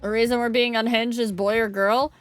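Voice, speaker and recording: A woman's voice: a little high, fairly even intonation, brisk, faint music behind. A woman livestreamer chatting casually with viewers in a cute, bubbly, playful anime-streamer manner.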